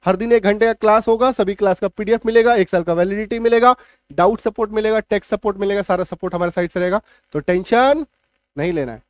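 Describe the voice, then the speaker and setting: High-pitched emphatic male teacher. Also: fast talker, no echo, clean studio sound. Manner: emphatic, repeats rules and asks "clear?". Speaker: English teacher. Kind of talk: classroom-style spelling lesson.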